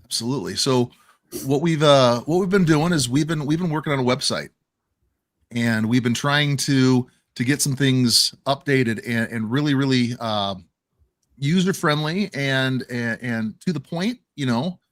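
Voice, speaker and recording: A man's voice: mid-range voice, measured pace, no echo, clean studio sound. A man hosting a casual online chat, rambling and often repeating and correcting himself over a video call. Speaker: host.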